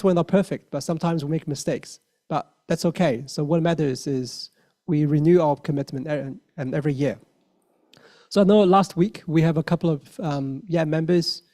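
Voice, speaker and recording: Man, Mandarin accent, dharma talk, mellow voice, slightly high, halting with fillers. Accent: Mandarin Chinese. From China. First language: Mandarin Chinese. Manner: earnest, halting with many fillers and restarts. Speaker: lay Buddhist speaker.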